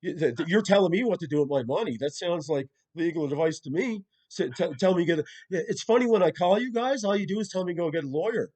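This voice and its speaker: This caller's voice is high-pitched and a bit dark, with lively intonation; he talks fast and barely pauses. He argues on the phone in a combative, insistent, repetitive way, packing his confrontational speech with legal jargon.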